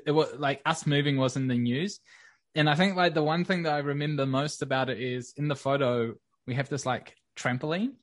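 A young man from New Zealand with a New Zealand accent, chatting casually as a podcast guest in a relaxed, rambling way. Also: a little high, no room sound. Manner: relaxed, rambling with many fillers. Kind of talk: casual interview.

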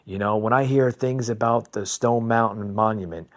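This New Jersey man, who hosts a conservative podcast, speaks in a fairly low voice with a steady tone. He shares opinionated, off-the-cuff remarks, stumbling and repeating himself while calling his audience "folks."

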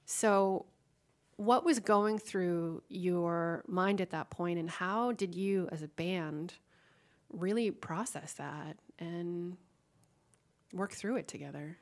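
A woman's voice: fairly low pitch, takes it slowly. A woman hosting a casual interview, chatty, setting up her questions with long recaps. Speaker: podcast host.

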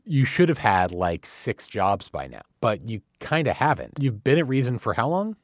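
A man's voice: mid-range voice, big pitch swings, normal speed, dry recording, studio quality. A man hosting a podcast, asking questions in a casual, joking way. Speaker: podcast host. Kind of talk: casual interview conversation.

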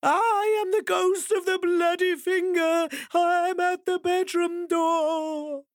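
A man voicing a creepy ghost of a bloody finger, wailing slowly and drawn out. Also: extremely high pitch, level tone, no echo, studio quality, voice pushed up, heavily acted. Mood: eerie.

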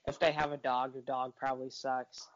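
A woman's voice: very deep voice, flat delivery, normal speed, heavy background noise. A woman chatting casually as a podcast co-host, sounding tired and worn out, with a blunt, dry way of talking. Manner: weary, exhausted-sounding delivery. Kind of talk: casual chat. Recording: dull, lo-fi audio.

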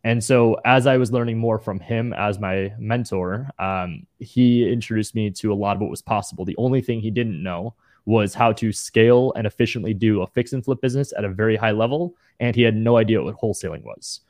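Low-voiced young man, relaxed storyteller. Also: brisk, few pauses, dry recording, studio quality. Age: 20s. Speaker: guest. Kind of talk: casual interview.

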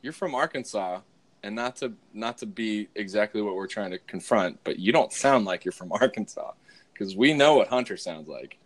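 An American man from the West Coast hosts a podcast in a casual, joking, conversational style, his fairly low voice expressive and at a moderate pace. The talk is a casual joking interview chat.

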